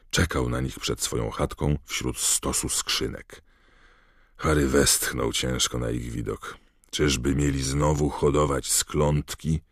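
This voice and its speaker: A man reading an audiobook aloud in steady, even storytelling narration. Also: very deep voice, creaky, no room sound, clean studio sound. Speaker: audiobook reader. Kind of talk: scripted narration.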